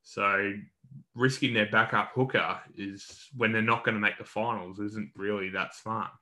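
A man's voice: fairly low pitch, fairly even intonation, moderate pace, pushed and bright. An Australian man co-hosting a podcast, giving a casual, colloquial rundown of sports news in a matey way. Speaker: podcast co-host.

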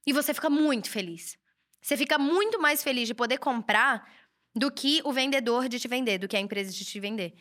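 Bright-voiced chatty woman. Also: a little high, a little fast. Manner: casual, chatty, lively. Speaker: host and writer. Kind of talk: solo business advice talk. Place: indoor room with a curtain backdrop, books and a computer.

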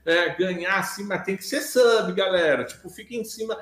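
A man's voice: high-pitched, moderate pace, fairly bright tone, echoey room. A Brazilian man, a streamer guest, chatting casually at home with slangy talk and hesitant fillers. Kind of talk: casual chat.

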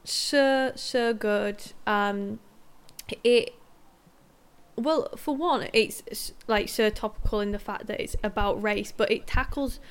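Creaky-voiced young woman, wry and chatty. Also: medium pitch, slow. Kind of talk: casual chat about films and books.

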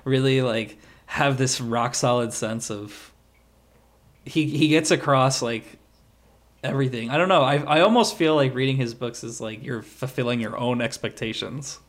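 A man's voice: mid-range voice, moderate pace. A man co-hosting a podcast in casual chat, rambling and peppering his talk with "like". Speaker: podcast co-host.

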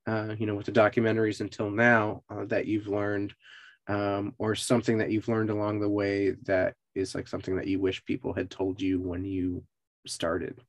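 A man's voice: fairly low pitch, completely flat delivery, normal speed, no echo. A man hosting a podcast interview, asking questions in loose, hesitant phrasing full of "like". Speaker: podcast host. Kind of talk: casual interview chat.

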